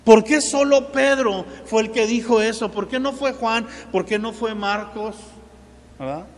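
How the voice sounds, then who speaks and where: A man with a notably high voice preaches a sermon to his congregation, turning to them directly and slipping in joking remarks. His words ring out with a long hall reverb, as if recorded in a big sanctuary. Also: measured pace, slight background noise. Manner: addresses the congregation directly, playful asides. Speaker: pastor.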